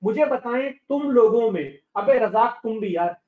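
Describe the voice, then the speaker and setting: A high-pitched male teacher with a slightly hoarse voice gives an online lecture. He is blunt and scolding and calls on his students by name. The recording is echoey and dull, like lo-fi online class audio. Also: expressive, a little slow.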